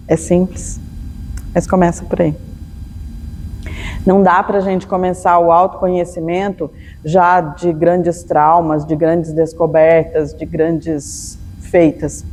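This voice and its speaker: A woman's voice: lowish voice, level tone, slow, darkish tone, in a large hall, slight background noise. A Brazilian woman giving a spiritual lecture to an audience, telling everyday stories and acting out bits of dialogue. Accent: Brazilian Portuguese. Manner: storytelling, acts out dialogue.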